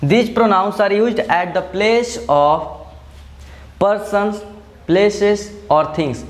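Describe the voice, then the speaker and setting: A male schoolteacher talks through a grammar lesson at an unhurried, deliberate pace. His voice sits a little high for a man. He breaks each point into small steps and keeps checking that the class is following. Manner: slow, explains step by step, often checks with "okay?". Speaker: school teacher.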